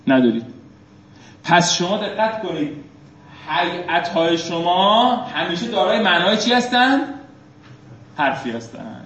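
Man teaching a class, reads text then explains, quizzes students, somewhat high voice, roomy and muffled sound. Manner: reads Arabic phrases then explains, asks students questions. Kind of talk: seminary lecture on Arabic text. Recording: echoey dull room recording.

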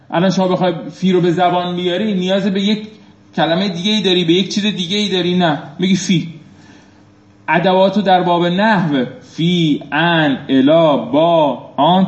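This high-pitched male instructor is heard in a dull, echoing room recording. Teaching at a seminary, he works through a classical Arabic text by reading out phrases, explaining each, and quizzing his students as he goes.

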